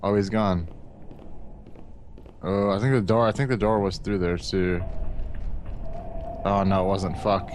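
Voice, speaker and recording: A man's voice: low-pitched, fairly even intonation, unhurried, long pauses, darkish tone. A young man in casual gaming banter as co-commentator, slangy, profane and teasing, with game ambience behind him. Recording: background noise under voice.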